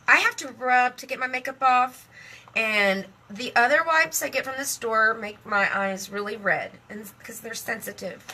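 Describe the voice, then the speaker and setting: A middle-aged woman chatting casually on a live stream, emotional and talkative, laughing often and speaking warmly about her faith. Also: a little high, background noise. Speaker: live video host.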